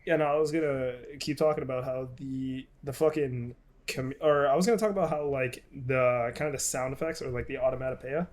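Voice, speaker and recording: A man's voice: mid-range voice, fairly even intonation, brisk. Rambling, swearing young man on a podcast. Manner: rambling, swears a lot, many fillers and restarts. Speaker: podcast co-host. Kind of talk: casual chat.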